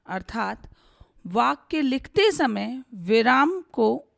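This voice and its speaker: A woman Hindi teacher giving a slow, deliberate grammar lesson, recorded close to the mic. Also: fairly high pitch, big pitch swings, gravelly, fairly bright tone, dry recording.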